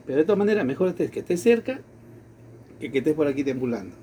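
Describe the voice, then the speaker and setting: A man's voice: fairly high pitch, fast, slight background noise. A man from Latin America casually telling a personal story, acting out the quoted dialogue. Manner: animated, acts out quoted dialogue. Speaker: storyteller in conversation.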